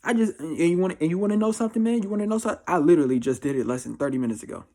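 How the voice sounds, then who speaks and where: A twenty-four-year-old American man, a vlogger handing out life advice, talks to camera in a casual confessional monologue. His voice sits on the high side, warm and very animated, and he speaks very fast. The delivery is slangy, blunt and emphatic, with phrases often repeated.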